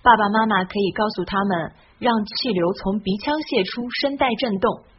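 A woman hosting an English pronunciation lesson, speaking in a friendly, encouraging, scripted way and stretching out model words slowly. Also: medium pitch, highs cut off, slight background noise.

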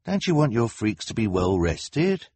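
A man's voice: fairly low pitch, big pitch swings, unhurried, darkish tone, husky, no echo, voice pushed up, heavily acted. A man voicing a sleepy, weary carnival worker who sounds tired and resigned.

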